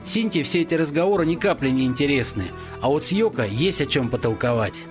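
A man voicing a tipsy, brash young male rock musician who talks loud and cocky. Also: on the high side, expressive, fast, music in the background, close to an everyday voice. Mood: defiant.

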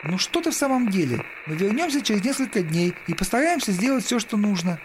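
A man's voice: high-pitched, sing-song, noisy background, pitched above the performer's own voice. A man doing a wry, level-headed young musician. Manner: sardonic, measured.

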